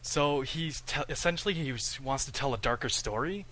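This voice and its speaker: Young dude co-hosting a game podcast, bright sharp voice, eager, says like a lot. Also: male voice, medium pitch, expressive, normal speed, slight background noise. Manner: eager and explanatory, with filler "like". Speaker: podcast co-host. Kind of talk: casual chat about video games.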